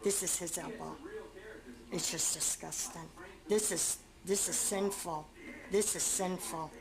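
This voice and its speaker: A woman's voice: fairly low pitch, fairly even intonation, unhurried, vocal fry. A middle-aged woman, the mother of a beaten man, being interviewed and talking indignantly, repeating herself as she describes photos. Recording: roomy with crowd noise.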